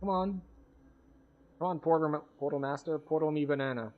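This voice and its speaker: A man's voice: on the high side, fairly quick, phone-quality sound. A man giving casual gaming commentary and chatting with viewers in a rambling, wry, self-deprecating way. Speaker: game streamer.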